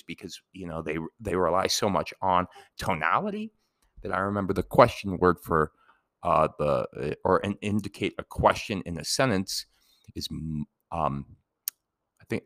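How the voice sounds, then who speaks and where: In a studio-quality recording with no room sound, a deep-voiced male educator gives a casual, rambling explainer lesson. He stays relaxed and keeps drifting off into side tangents.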